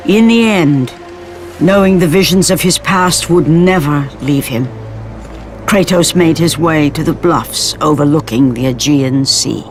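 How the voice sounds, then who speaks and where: A solemn storyteller narrating an ancient myth in a game cutscene. The delivery is measured, grave and epic, over clearly heard music. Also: female voice, deep voice. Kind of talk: dramatic epic scripted narration. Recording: music underneath.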